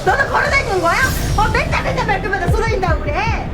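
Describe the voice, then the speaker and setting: A woman playing a shrill quarrelling wife. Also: animated, quick pace, a loud crowd. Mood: mocking. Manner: shrill, mocking, shouting back. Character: quarrelsome mother fighting back at her husband. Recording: distant mic under loud music.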